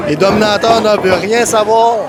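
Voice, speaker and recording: A man with a Quebec French accent calling live wrestling play-by-play as an excited commentator, in short exclamatory bursts. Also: high-pitched, normal speed. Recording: loud crowd noise in event venue. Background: noisy wrestling crowd.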